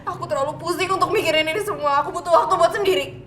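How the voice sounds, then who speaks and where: An actress playing a distraught young daughter who cries, pleads and insists in a TV drama. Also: female voice, very high voice, racing, a bit bright, faint music behind. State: crying.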